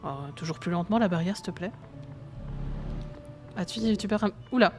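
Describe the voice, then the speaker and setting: A woman with a Belgian French accent commentates her gameplay live, talking straight to her viewers. She chats easily and laughs often between remarks. Her voice sits at a middle pitch. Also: brisk, over music. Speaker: streamer.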